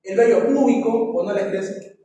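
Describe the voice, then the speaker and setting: A man's voice: sits high, moderate pace, dark tone. A male teacher giving a classroom review, questioning his students and tagging lines with a questioning "no?". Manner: quizzes students, tags lines with "¿no?". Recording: echoey hall, voice from far off, faint noise.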